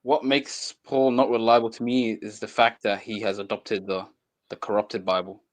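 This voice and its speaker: A man's voice: on the low side, level tone, normal speed. A man calling into a live debate stream from a phone, earnest and a little hesitant, often restarting words. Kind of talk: casual debate chat. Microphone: phone mic.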